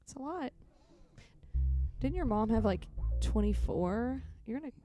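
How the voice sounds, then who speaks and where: A woman's voice: fairly high pitch, expressive, measured pace, mellow. A woman co-hosting a music livestream, teasing her partner and laughing often in casual chat. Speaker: co-host and musician.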